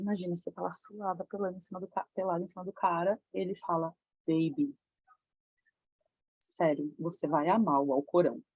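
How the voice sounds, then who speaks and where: A Brazilian woman leads a women's circle, speaking in a mellow, husky voice and telling a candid story. She talks frankly and profanely, full of slang. The recording is dull and lo-fi. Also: fairly low pitch, dry recording. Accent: Brazilian Portuguese. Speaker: women's tantra circle facilitator. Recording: dull lo-fi sound.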